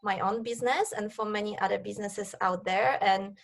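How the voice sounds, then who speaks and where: A woman's voice: medium pitch, fairly even intonation, fairly quick, creaky. A woman in her thirties from Poland, speaking with a Polish accent, answering interview questions eagerly over a video call. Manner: enthusiastic, eager. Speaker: guest, networking coach.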